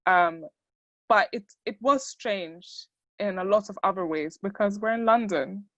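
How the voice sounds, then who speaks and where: A woman's voice: mid-range voice, a little slow, fairly bright tone, dry recording, highs cut off. A young woman who grew up in the Netherlands and speaks Dutch as her first language, giving a chatty talk to an audience with many fillers. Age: young adult. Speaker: student speaker.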